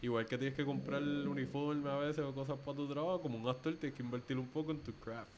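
A man's voice: medium pitch, fairly even intonation, quick pace, slight background noise. A man with a Puerto Rican Spanish accent, co-hosting a casual podcast chat about films, dropping English words into his Spanish. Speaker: podcast co-host.

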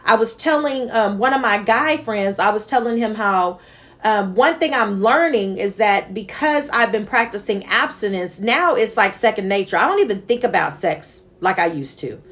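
With an animated, fairly bright, naturally high voice at normal speed, a woman shares a reflective personal monologue about a dream and her faith. She's earnest and passionate throughout, with bits of laughter between her points.

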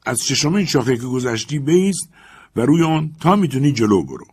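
A male audiobook narrator plays an excitable, obsessed master barking orders with loud urgency. His voice sits above the narrator's own. It keeps a husky, gravelly texture throughout. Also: medium pitch, voice pushed up. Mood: urgent, commanding. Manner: loud urgent shouted commands.

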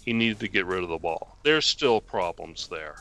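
Bright-voiced man, old Virginia Southern drawl. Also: low-pitched, expressive, normal speed. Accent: old Virginia, slight Southern drawl. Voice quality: soothing voice. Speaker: football analyst. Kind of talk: sports talk commentary.

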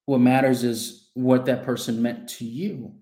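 Casting: male coach, earnest self-help speaker, mellow voice, echoey room. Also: medium pitch, flat delivery, measured pace. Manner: earnest, addresses the listener directly with questions. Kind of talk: motivational self-help talk.

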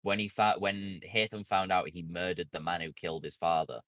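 A low-voiced male podcast co-host recaps game plots step by step and corrects the others during casual chat. He talks at normal speed with a fairly bright tone, recorded dry and close with no room sound.

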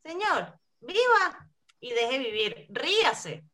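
A woman with a Venezuelan accent chatting on a podcast, telling stories in a lively, crude way. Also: sits high, slow. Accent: Venezuelan Spanish. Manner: lively, vulgar, animated storyteller. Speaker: podcast co-host. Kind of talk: casual chat, storytelling.

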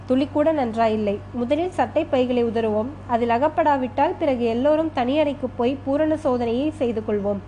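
A woman reading as a calm, sly retired police chief. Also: sits high, slight background noise, lightly acted, poor audio. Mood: composed, chiding. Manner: unhurried, lecturing.

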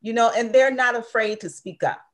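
A woman's voice: a little high, moderate pace. A woman in her sixties, a guest in an interview, speaking earnestly and with emphasis about her organization's work. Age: 60s. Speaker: interview guest, civil rights organization member. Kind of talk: casual interview conversation.

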